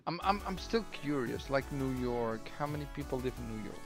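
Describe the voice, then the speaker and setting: A man's voice: mid-range voice, lively intonation, brisk. A man from Belgium, a Flemish speaker, chatting casually on a retro gaming podcast, curious and laughing often. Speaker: podcast co-host. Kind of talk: casual group chat while gaming. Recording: music playing behind.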